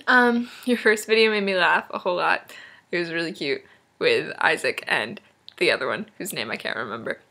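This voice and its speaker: A woman's voice: fairly low pitch, normal speed, sharp tone. A young woman from Maine rambling to a friend on a webcam at home, giggly and self-deprecating. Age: young adult. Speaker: vlogger. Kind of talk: casual chat to a friend.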